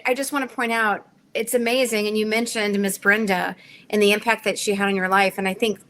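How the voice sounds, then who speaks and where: A woman hosting a talk show, asking a guest earnest, measured questions backed by researched figures. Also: mid-range voice, little pitch movement, a bit bright. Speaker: show host. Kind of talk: interview questions.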